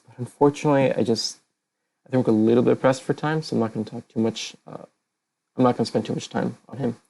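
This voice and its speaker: This non-native Kazakh speaker, a man, gives a casual slide lecture on an online voice channel with plenty of fillers, hesitations and self-corrections. His medium-pitched voice is creaky and dark, and the audio is poor.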